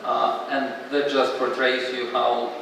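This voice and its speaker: A man moderating a panel and interpreting aloud, with halting restarts. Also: medium pitch, completely flat delivery, creaky, background noise. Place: large exhibition hall, indoors. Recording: distant mic in an echoey hall.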